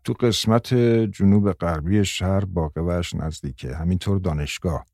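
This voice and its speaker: A man voicing a gruff, blunt older man in a storybook reading, speaking plainly and steadily. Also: low voice, darkish tone, no echo, soft background music. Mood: matter-of-fact.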